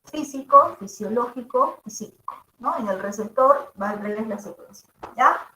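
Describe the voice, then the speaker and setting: A woman's voice: a little high, moderate pace, sharp tone. A woman teacher with a mezzo-soprano voice gives a classroom lecture, checking in with her students after each point. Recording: echoey room.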